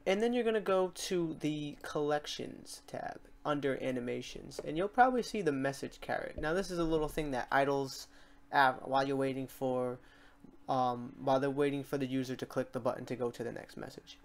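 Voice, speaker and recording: A software tutorial host with a middling-pitched voice walks through each step at a moderate pace. The delivery is casual and unscripted, explaining while working and thinking out loud as he goes.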